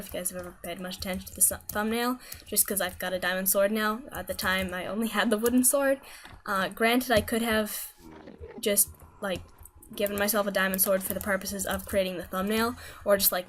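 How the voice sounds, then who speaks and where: A woman's voice: medium pitch, a little hiss or hum. A woman giving casual, rambling commentary as she plays a game, often correcting herself mid-sentence. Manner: chatty, rambling, self-correcting. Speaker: gaming video host.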